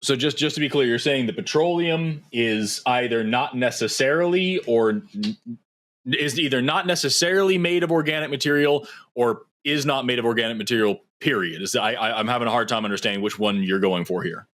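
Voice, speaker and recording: A male talk show host questioning a caller, pressing for clear answers. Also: mid-range voice, a little fast, a bit bright. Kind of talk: call-in debate.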